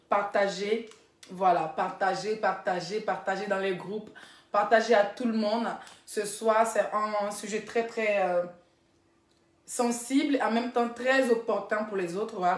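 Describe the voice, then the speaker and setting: Chatty Ivorian woman blogger, echoey room. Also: on the high side. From Ivory Coast. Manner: chatty and teasing, repeats phrases, rapid asides to viewers. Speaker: social media blogger. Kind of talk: casual live-stream chat.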